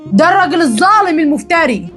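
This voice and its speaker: A woman performs a bitter young daughter-in-law with an Egyptian accent. She talks fast in a high voice, and faint music plays underneath in this comedy sketch. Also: big pitch swings, a bit bright, full character voice. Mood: spiteful. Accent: Egyptian Arabic. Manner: spiteful when taunting, whiny when pleading.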